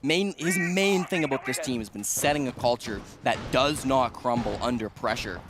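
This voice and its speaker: A man's voice: medium pitch, moderate pace, background noise. A man giving live esports commentary and analysis, emphatic and repeating key phrases for weight. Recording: music bed behind the voice. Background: music.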